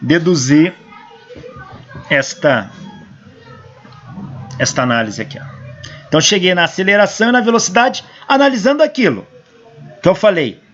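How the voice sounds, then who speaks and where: A hoarse, high-pitched engineering professor, male and Brazilian Portuguese-accented, walks through equations step by step and answers his own questions at normal speed. He's animated with a fairly bright tone and pauses often. Faint music plays behind him on the dull, lo-fi recording.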